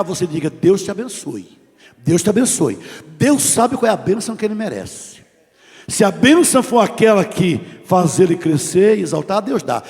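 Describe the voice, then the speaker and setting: A middle-aged man with a Brazilian Portuguese accent preaches a testimony sermon, his voice sitting high for a man. He tells his story with drama, sinking to near whispers and then rising to loud cries. A long church reverb trails every phrase. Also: gravelly. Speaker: pastor. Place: church sanctuary.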